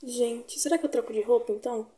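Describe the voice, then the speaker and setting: A woman's voice: a little high, steady tone, quick pace, mellow. A young Brazilian woman with a Brazilian accent, chatting slangily to her viewers while she gets ready at home. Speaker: vlogger. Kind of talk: casual get-ready-with-me vlog.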